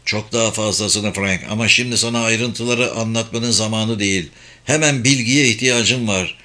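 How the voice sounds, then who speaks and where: A man's voice: on the low side, moderate pace, pushed and bright. A man voicing a tough male agent who speaks in a blunt, commanding way in an audiobook. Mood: urgent.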